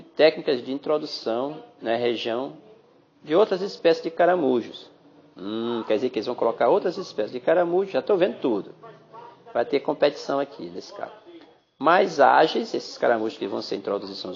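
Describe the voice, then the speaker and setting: A Brazilian male biology teacher gives a chatty exam-prep lesson as a podcast, calling his listeners "galerinha" and saying "né?" often. His voice is mid-range and gravelly with a Brazilian Portuguese accent, and the phone-app recording sounds dull.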